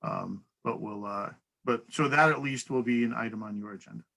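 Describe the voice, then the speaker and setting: Bright-voiced man chairing a public hearing. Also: on the low side, wildly swooping pitch, a little fast, gravelly, poor audio. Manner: easygoing and procedural, with light laughs. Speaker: council meeting chair. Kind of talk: chairing a public hearing over video call. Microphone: video call.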